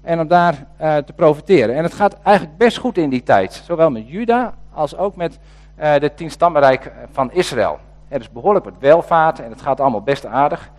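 A man delivering a sermon with a lively, animated voice that rises and falls a lot. He speaks in a conversational way, hesitating now and then, and leans into the scripture he reads aloud. His pitch sits a little higher than most men's. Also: normal speed, hardly any pauses. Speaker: preacher.

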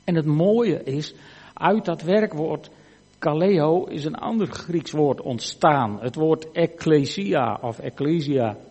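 A man preaching a sermon in a church, earnest, moving between emphatic lines and hushed, quiet ones. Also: fairly high pitch, slow, husky. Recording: church hall reverb.

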